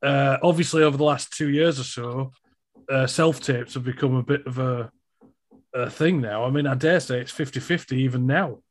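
A man with a Northern English accent, an actor talking casually about auditions, chatty and animated in his storytelling. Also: medium pitch, normal speed. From Northern England. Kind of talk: casual chat.

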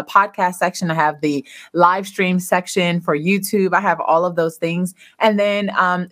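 A woman hosting a podcast, talking in a playful, upbeat, teasing way and laughing often. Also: lowish voice. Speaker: podcast host. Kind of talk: warm casual podcast outro.

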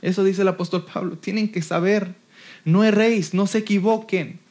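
A man's voice: sits high, steady tone, a little mellow. Fervent man reading scripture. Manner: fervent, quotes verses slowly and deliberately. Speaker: Bible teacher.

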